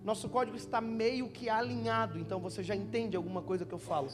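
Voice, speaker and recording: High-voiced Brazilian preacher joking with a crowd. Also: male voice, level tone, fast talker, big-room sound. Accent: Brazilian Portuguese. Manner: joking, storytelling, addressing listeners as brother. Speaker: pastor. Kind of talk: lively conference sermon. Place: church youth conference before a crowd. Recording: live church sound with music underneath.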